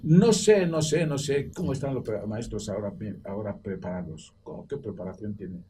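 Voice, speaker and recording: An older man from Equatorial Guinea, a former school director, telling animated anecdotes and acting out quoted voices on a television roundtable. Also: lowish voice, brisk. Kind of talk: roundtable debate. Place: TV studio. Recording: distant mic with faint background noise.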